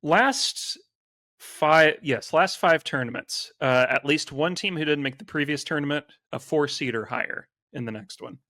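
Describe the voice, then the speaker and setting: A man's voice: on the high side, no echo, studio quality. A man co-hosting a sports podcast, chatting casually and rattling off stats with frequent fillers. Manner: animated, quick stats-driven talk with fillers. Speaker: co-host.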